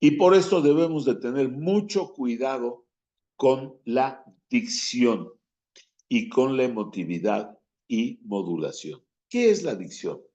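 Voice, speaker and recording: A man from Mexico teaches breathing and diction in an unhurried, measured way. He stresses key words and acts out lines to show phrasing. The sound is muffled and lo-fi. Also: medium pitch, lively intonation, dark tone. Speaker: speaking coach. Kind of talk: instructional talk on voice and diction. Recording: dull lo-fi recording.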